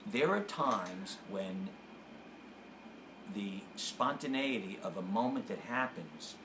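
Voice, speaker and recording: A man with a fairly low voice talks through show-business stories at an easy pace, a comedian being interviewed. He slips into other people's voices when he quotes them. The sound bounces around a room, with a clear bed of background noise behind him. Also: animated, reverberant. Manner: unhurried storyteller who acts out quotes. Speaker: comedian guest. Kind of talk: casual interview chat.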